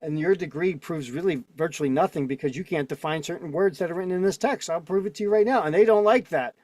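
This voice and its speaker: On a video call, a male instructor teaches casually, arguing his points and constantly checking in with "right?" and "okay?". His voice sits on the high side and is fast and a little mellow, recorded dry.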